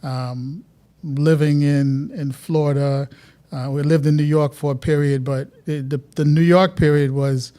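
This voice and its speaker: A man's voice: a little high, fairly even intonation, unhurried, dark tone. Reflective Guyanese-born man, storytelling. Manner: reflective, storytelling, many restarts. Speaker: guest artist. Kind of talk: casual interview chat.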